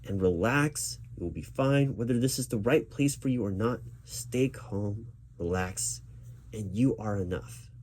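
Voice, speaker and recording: The recruiting manager in this ASMR interview roleplay is voiced by a man whose tone is lowish, darkish and unhurried. He speaks aloud in a calm, supportive and encouraging manner as keyboard typing sounds through the background noise.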